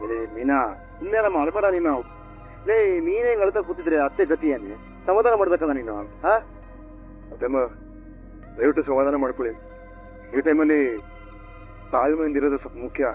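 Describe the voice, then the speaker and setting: An actor playing a patient son-in-law in a TV serial, speaking in a soothing, measured way. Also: male voice, fairly high pitch, expressive, close to an everyday voice. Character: patient, steady son-in-law consoling family. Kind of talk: TV serial acting. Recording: tinny lo-fi TV audio with music.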